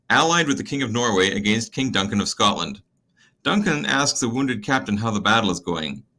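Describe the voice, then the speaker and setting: Wry, bright-toned man narrating. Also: lowish voice. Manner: wry, conversational. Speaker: narrator summarizing a play. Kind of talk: casual summary narration.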